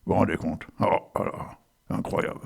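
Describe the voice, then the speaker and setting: A man's voice: low-pitched, fairly even intonation, moderate pace, creaky, slightly rough. An older man hosting a local radio show, chatting casually and rambling through asides between poems. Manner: chatty, digressive, frequent asides and fillers. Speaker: radio host reading poems. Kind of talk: casual rambling radio chat and poetry reading.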